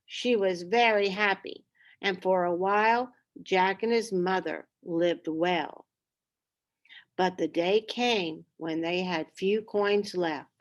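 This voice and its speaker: A woman reads a scripted children's story aloud, expressive and deliberate, in a fairly low pitch.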